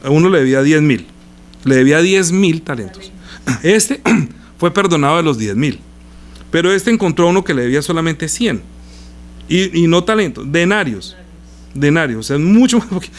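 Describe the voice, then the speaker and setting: A male pastor reads scripture aloud during his sermon, pausing to explain it through rhetorical questions. His voice sits a little high.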